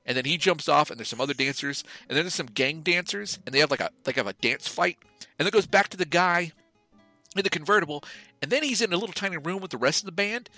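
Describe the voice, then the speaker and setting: A man co-hosting a podcast in loose, profane chatter. He tells stories with lots of animation and worked-up outbursts, and his voice is bright and forceful. Faint music sits low behind him. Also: animated, quick pace, no room sound. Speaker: podcast co-host. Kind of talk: casual podcast banter.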